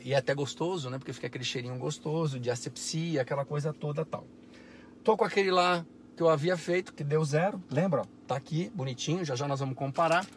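Give me a talkative man filming a casual car vlog on a dashboard camera, with a faint background hiss. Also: on the high side. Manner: chatty, explanatory, frequent tag questions. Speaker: vlogger. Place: inside a parked car.

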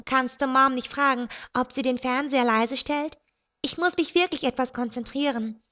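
A woman's voice: high voice, fairly even intonation, normal speed, bright, forceful tone, pitched above the performer's own voice. A woman doing an agitated teenage girl. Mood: weary. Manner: agitated, raised voice. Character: excitable teenage girl, stressed younger sister. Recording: dull lo-fi recording.

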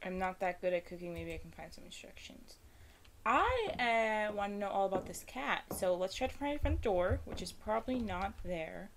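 A woman's voice: mid-range voice, very animated, moderate pace, a little hiss or hum. A young woman giving casual, self-deprecating commentary while playing a game, chatty and nervous. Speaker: gaming streamer. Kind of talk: casual let's-play commentary.

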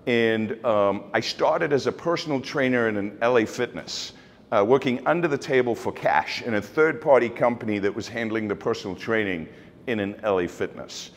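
The speaker is a middle-aged man with a South African accent giving a relaxed keynote, his medium-pitched voice at a moderate pace. He comes across as certain and blunt, full of fillers and false starts, in a large open office event space where the sound rings with long reverb.

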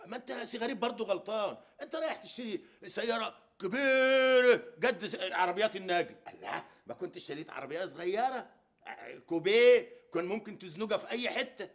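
A man with a very high voice and an Egyptian Arabic accent, talking fast. He plays a doorman in a sitcom and scolds with a teasing, sing-song lilt. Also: lively intonation. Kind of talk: sitcom acting.

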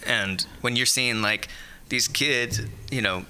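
A man's voice: mid-range voice, takes it slowly, slight background noise. A young man, a band member, chatting casually as a podcast guest in a studio. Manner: animated storyteller, hums riffs. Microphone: studio mic with headphones.

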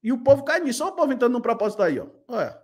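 High-voiced man chatting on a live stream. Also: very animated, rapid-fire, a little mellow. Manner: chatty, repetitive, ends lines with "né?" and "viu?". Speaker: pastor and channel host commenting. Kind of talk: casual live-stream commentary.

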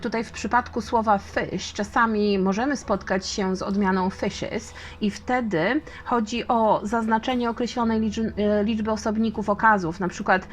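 A woman's voice: mid-range voice, steady tone, slight background noise. Polish woman teaching English grammar. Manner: clear, measured explanation with slow, careful example words. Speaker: language school owner and English teacher. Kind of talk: online grammar lesson.

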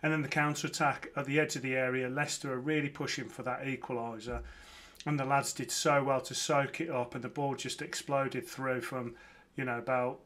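A football podcast host in his thirties, from Lancashire but with a Birmingham accent, reacts to a match from home, indoors in a room hung with framed shirts. He's chatty and enthusiastic, full of fillers and restarts, with a mid-range, slightly bright voice.

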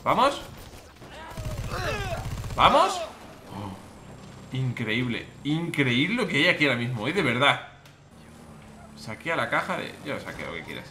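A man with a Spain Spanish accent doing let's play commentary as a gaming YouTuber, excitable and exclamatory, often repeating his words. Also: medium pitch, normal speed, noisy background.

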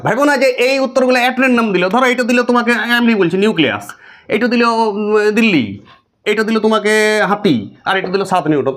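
A middle-aged male teacher talks fast and pitched high. He works through exam problems and keeps asking his students questions. He answers each one himself before moving on. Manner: explains with rhetorical questions to students. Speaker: physics teacher. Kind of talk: classroom lecture.

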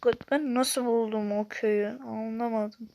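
A woman's voice: fairly high pitch, fairly even intonation, moderate pace, gravelly, warm tone, lo-fi sound. A young woman casually commenting on her own gameplay, chatty with frequent exasperated outbursts. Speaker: gaming YouTuber.

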